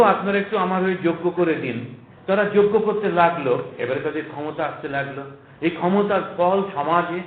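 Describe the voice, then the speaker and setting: A middle-aged man delivers a spiritual lecture, leaning on anecdotes and rhetorical questions. His voice sits high. It comes through a narrow, tinny recording with a roomy echo. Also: slight background noise. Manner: storytelling, humorous asides, rhetorical questions. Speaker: monk lecturer.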